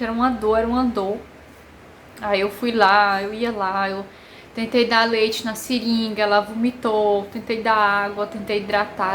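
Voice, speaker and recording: A woman with a Brazilian Portuguese accent, telling a personal story to camera in an emotional, halting way with many pauses. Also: mid-range voice, fairly bright tone, slight background noise. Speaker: vlogger. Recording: echoey room with faint ambience.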